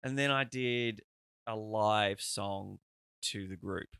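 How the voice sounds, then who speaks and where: A man's voice: on the low side, takes it slowly, vocal fry, fairly bright tone, clear, resonant tone, no echo, clean studio sound. A man, hosting a podcast in a chatty, rambling way and swearing freely. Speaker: podcast host. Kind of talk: casual conversational interview.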